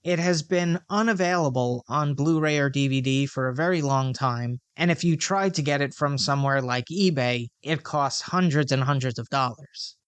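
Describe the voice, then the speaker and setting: A man hosting a movie podcast, reading a prepared review in a steady scripted way. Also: medium pitch, normal speed, hardly any pauses, clean tone, dry recording. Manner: reads a prepared review, then flubs and laughs at blooper takes. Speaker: podcast host. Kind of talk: scripted podcast monologue with outtakes.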